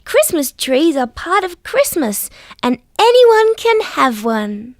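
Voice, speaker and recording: A woman with an Australian accent voicing a friendly, gentle dinosaur who sweetly and patiently tells stories to small children in a children's show. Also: sits high, very animated, takes it slowly, dry recording, studio quality, exaggerated voice. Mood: gentle, cheerful. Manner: sweet, patient, carefully enunciated. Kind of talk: scripted storytelling for small children.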